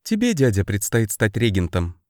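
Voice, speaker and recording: Мужчина озвучивает хитроватого принца. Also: male voice, on the low side, wildly swooping pitch, normal speed, mellow, no echo, studio quality. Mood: persuading. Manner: persuasive, mildly mocking. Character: sly young male prince, persuasive and lordly.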